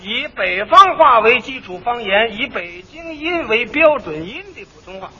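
Male crosstalk lead, very high and bright, lively explainer; hissy old archive tape. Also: moderate pace, long reverb tail, dull audio. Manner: lively, explanatory, fond of mimicking street talk. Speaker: lead comic in a crosstalk duo. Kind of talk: stage crosstalk comedy.

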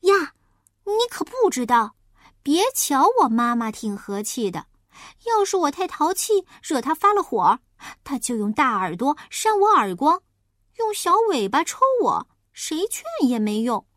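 A woman voicing a naive, chatty little boy piglet in a storybook reading, with a high, eager, innocent way of talking. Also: very animated, measured pace, a bit bright, no room sound, studio quality, exaggerated voice.

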